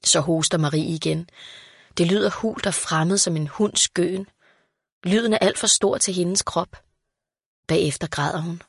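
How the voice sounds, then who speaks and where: A woman reads a children's story aloud in a calm, even voice. Her pitch sits low for a woman, and the recording is dry and close, with no room sound. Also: vocal fry, breathy edge, no room sound. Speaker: narrator.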